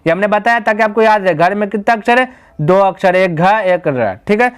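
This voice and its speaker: A high-pitched man talks fast in a clean tone while teaching a grammar lesson. He works through it step by step, poses rhetorical questions to his students and answers them himself, and addresses them as "my brother."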